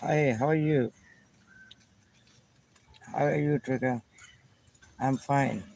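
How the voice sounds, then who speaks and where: Slow-talking Pakistani man greeting viewers. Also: medium pitch, fairly even intonation, vocal fry, a little mellow. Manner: halting simple English, greets viewers by name. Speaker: vlogger chatting with viewers. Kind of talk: casual live chat.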